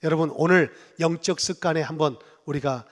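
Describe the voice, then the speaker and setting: Fifty-something pastor preaching in a reverberant church. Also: male voice, fairly high pitch, fairly quick. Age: 50s. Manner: conversational and humorous, with sudden loud emphasis and acted quotes. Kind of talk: Sunday sermon. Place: church sanctuary.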